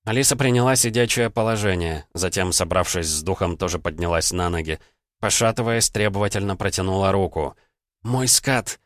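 A man narrating an audiobook in a measured, steady reading style, recorded close to the mic. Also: sits low, no echo.

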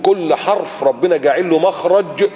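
Male preacher, Egyptian accent, fairly high voice, demonstrative delivery, echoey hall, dull lo-fi sound. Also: normal speed, a little mellow. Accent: Egyptian Arabic. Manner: demonstrative, acts out examples and sounds out letters. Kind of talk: colloquial religious lecture. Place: lecture hall or mosque in Qatar.

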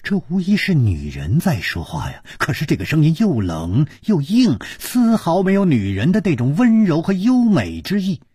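A man telling a long-form traditional story, unhurried and dramatic. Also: fairly high pitch, husky, no echo, studio quality. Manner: unhurried and dramatic, with lively rises and falls.

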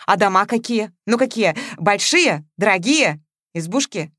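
A woman's voice: medium pitch, lively intonation, measured pace, fairly bright tone, dry recording, studio quality. Woman voicing a nosy, pushy actress friend.

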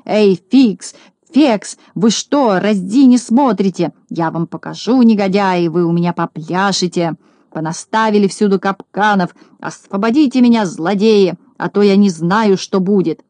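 A woman voicing a furious bald male shorty landowner, shouting and screeching threats. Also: medium pitch, moderate pace, dry recording, lightly acted. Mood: shrill rage.

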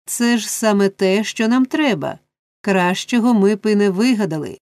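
A woman's voice: medium pitch, normal speed, darkish tone, no echo, natural voice. A woman doing a sly mocking old thief. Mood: gloating. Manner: sneering, mocking.

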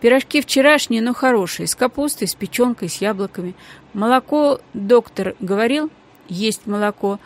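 A woman's voice: fairly high pitch, animated, moderate pace, pitched above the performer's own voice. A woman voicing a kindly, bustling peasant cook with folksy, old-fashioned rural speech in a storybook reading.

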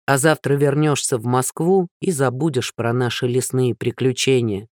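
A man reading an audiobook, voicing Lyosha, a burly, gentle, earnest captain, in a lower, earnest voice. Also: steady tone, moderate pace, dry recording, clean studio sound, natural voice.

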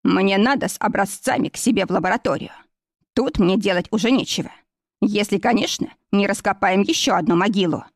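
A joking, fussy middle-aged man, a pathologist, who drags his words out slowly, read by a woman narrator. the recording is dry and close, storybook style. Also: mid-range voice, dry recording, close to an everyday voice.

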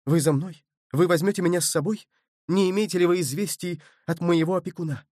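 A man's voice: high-pitched, fairly quick, a little mellow, dry recording, studio quality, voice pushed up. A man voicing an earnest young nobleman, pleading and emotional, his voice raised above his narrating tone. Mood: anxious.

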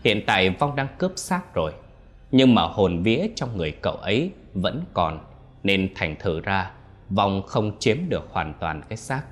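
A man's voice: sits low, sing-song, normal speed. A man voicing a stern older spirit master who speaks in a solemn, lecturing way in a ghost story. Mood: grave.

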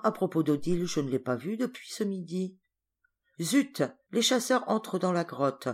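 Woman reading as a brave young girl. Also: on the low side. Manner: thoughtful inner monologue.

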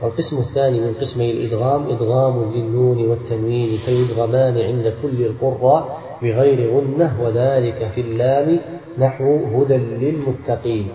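A man from Algeria, a sheikh, reads a classical passage aloud and then explains it slowly and deliberately in a classroom commentary. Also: medium pitch, fairly even intonation, dark tone. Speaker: sheikh teaching Quran recitation rules. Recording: dull, roomy lecture recording from a distance.

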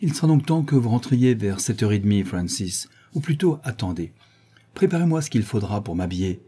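A man voicing a cool, commanding young male dandy who gives orders briskly. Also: lowish voice, sing-song, mellow, slightly rough. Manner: commanding, urgent.

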